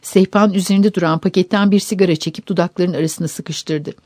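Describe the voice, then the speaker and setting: Woman audiobook narrator; measured, warm, dry close-mic read. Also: lowish voice, no room sound. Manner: steady, measured storytelling.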